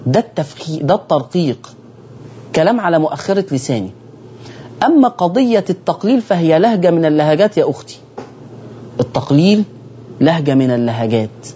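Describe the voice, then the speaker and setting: A man's voice: on the high side, sing-song, brisk, pauses often, warm tone, highs cut off, slight background noise. A man with an Egyptian accent teaching Quran recitation on a broadcast lesson, speaking straight to his listeners and repeating key phrases.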